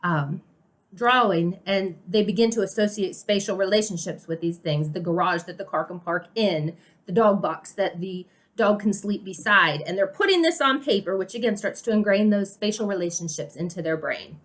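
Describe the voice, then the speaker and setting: A woman's voice: medium pitch, normal speed. A middle-aged woman, an occupational therapist, giving an upbeat video lesson to parents with hands-on demonstrations.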